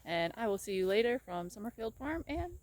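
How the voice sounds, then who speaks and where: A woman's voice: mid-range voice, big pitch swings, a little fast, a little mellow. A woman chatting casually in a rambling way with many fillers while she vlogs outdoors on her horse farm. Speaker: vlogger, horse farm owner. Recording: noisy outdoor recording.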